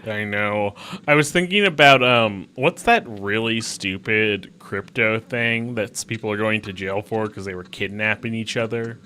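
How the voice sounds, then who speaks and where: A man's voice: lowish voice, measured pace, few pauses, sharp tone, smooth. A young man hosting a casual game stream, joking and a bit whiny in banter with his co-host.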